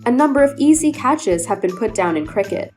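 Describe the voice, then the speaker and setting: High, lively woman narrating over music. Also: fairly quick. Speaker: compilation narrator. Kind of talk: scripted narration. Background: background music.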